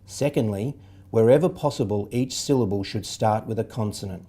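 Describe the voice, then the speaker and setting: A man's voice: fairly low pitch, moderate pace, dark tone. Patient man teaching syllables. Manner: patient, methodical, spells out letters and sounds. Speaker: literacy tutor. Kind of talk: step-by-step instructional explanation.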